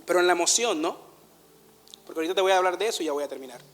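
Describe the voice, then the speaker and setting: A man preaching a sermon, telling personal stories in an animated way, laughing at himself and dropping to a hush in tender moments. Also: sits high, very fast, long reverb tail. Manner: animated storytelling, laughs at himself, swings from loud to hushed. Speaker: pastor.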